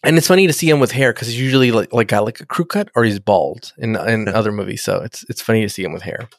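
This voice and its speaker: A man's voice: fairly low pitch, fast talker, no echo, studio quality. A man in casual podcast chat, recapping an episode in a rambling, profane way and calling everyone "dude". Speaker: podcast co-host.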